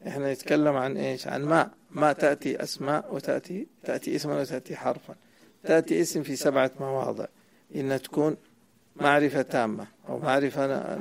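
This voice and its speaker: A sheikh teaching Arabic grammar walks a student through a grammar poem, quizzing him and correcting his answers along the way. His voice is mid-range and creaky, with a somewhat dark tone.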